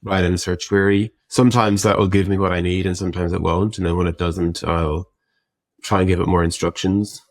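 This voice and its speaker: A tech product executive, appearing as an interview guest, speaks in a very low voice and a flat delivery, thinking aloud as he explains things in a casual conversation. His pace is brisk, and the recording is close and very dry with almost no room sound.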